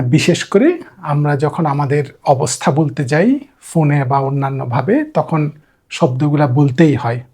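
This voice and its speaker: A man's voice: fairly high pitch, darkish tone, slightly rough. A man teaching beginners a language lesson, patiently repeating each word and checking in with the class. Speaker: French teacher.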